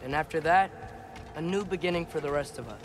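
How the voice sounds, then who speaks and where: An actor playing an earnest, hopeful teenage warrior son in a video game, talkative and searching in manner. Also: male voice, on the high side, fairly quick, background noise, close to an everyday voice. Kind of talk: video game dramatic acting.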